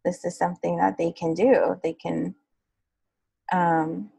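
Husky, chatty woman podcaster. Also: lowish voice, flat delivery, unhurried, mellow, rough recording. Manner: chatty, laughs easily, many fillers. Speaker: podcast co-host, clinician. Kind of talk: casual podcast discussion.

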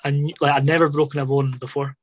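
A man's voice: on the high side, level tone, fast talker, husky, no echo. A man telling stories in an interview about his days as a footballer, rambling casually with lots of fillers like "obviously" and "you know". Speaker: former footballer guest.

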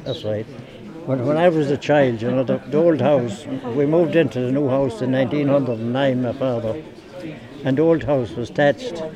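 A man's voice: mid-range voice, normal speed, rough recording. An elderly man with a rural west of Ireland accent, reminiscing casually. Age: older. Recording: outdoors amid crowd chatter. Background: crowd chatter.

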